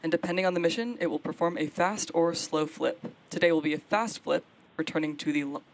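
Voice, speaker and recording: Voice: medium pitch, steady tone, a little fast. A launch webcast host giving explanatory live commentary on a rocket launch.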